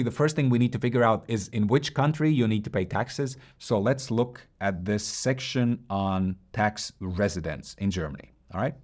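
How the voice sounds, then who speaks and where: A man hosting an investing channel, giving a direct, brisk scripted explainer while walking through a website. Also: mid-range voice, darkish tone. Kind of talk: scripted explainer with screen walkthrough.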